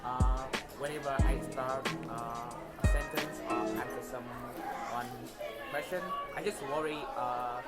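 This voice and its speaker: A man's voice: medium pitch, steady tone, slow pace. A man who is an international student, speaking hesitantly with many fillers about his struggles. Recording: loud music and crowd noise behind.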